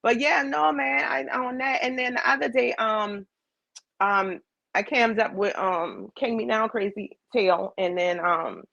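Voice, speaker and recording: A woman from Charleston with a Lowcountry Geechee creole accent, chatting casually and quickly in informal slang as an interview guest. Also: gravelly, a bit bright, dry recording, muffled recording. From Charleston, South Carolina, US. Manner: fast-talking, informal slang. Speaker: guest, music label owner and artist manager. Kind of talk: casual chat.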